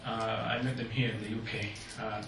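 A Jordanian man addresses a public meeting in an echoey hall, his non-native English earnest and halting. His voice sits on the low side, gravelly yet fairly bright, with a level tone. The mic is distant and there's slight background noise.

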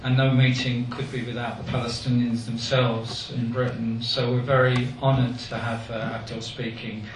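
A man chairing a meeting, introducing the next speaker in a hesitant way with many pauses. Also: medium pitch, little pitch movement. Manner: hesitant, lots of ums. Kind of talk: event introduction. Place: meeting hall. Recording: echoey hall, noisy, far mic.

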